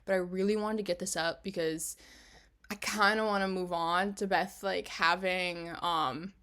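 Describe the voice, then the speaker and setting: A woman giving casual, rambling commentary over a life-sim game as the channel's host, often breaking off mid-sentence and filling pauses with "like" and "um.". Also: on the low side, fairly even intonation, a bit bright. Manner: chatty, fills pauses with "like" and "um".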